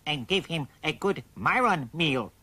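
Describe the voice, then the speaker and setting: A husky, mischievous young alien boy with a sharp, bright edge, always hungry and speaking in stiff, plain phrases, as a man puts him on. The tone sounds a little strange and removed. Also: a little high, lively intonation, measured pace, heavily acted. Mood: curious.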